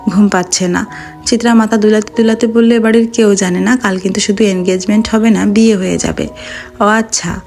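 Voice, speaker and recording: A woman reading a novel aloud as an audiobook, in an even, measured storytelling manner, lightly voicing the dialogue. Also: mid-range voice, creaky. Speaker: audiobook narrator. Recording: faint background music.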